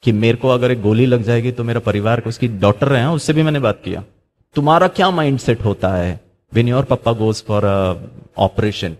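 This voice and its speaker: A man's voice: mid-range voice, moderate pace. A middle-aged man giving a motivational talk. He slips English into Hindi, asks rhetorical questions and acts out the voices in his stories. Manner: acts out quoted voices while telling stories. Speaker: spiritual speaker.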